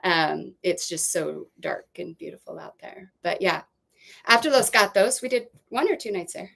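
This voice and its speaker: A woman's voice: on the low side, lively intonation, moderate pace, creaky, fairly bright tone. A woman co-hosting a casual live stream, chatting and reading out viewer comments. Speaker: boat vlog co-host. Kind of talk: casual livestream chat.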